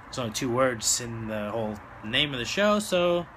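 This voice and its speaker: A man hosting a casual solo fight recap, talking in a loose, halting, drunken ramble. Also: medium pitch, very animated, sharp tone, slight background noise. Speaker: host of a fight-talk show.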